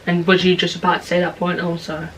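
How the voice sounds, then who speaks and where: Flat-toned young British woman, chavvy accent. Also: fairly low pitch, fast, slight background noise, low-quality recording. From Britain. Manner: slangy, informal speech. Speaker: reaction video host. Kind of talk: casual reaction chat.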